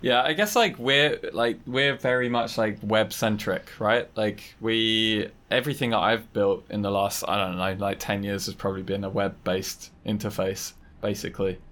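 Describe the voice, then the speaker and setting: A man's voice: on the low side, fairly even intonation, normal speed, hardly any pauses, a bit bright. A man hosting a podcast, asking questions in a loose, casual way peppered with "like". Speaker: podcast host. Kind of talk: casual conversation.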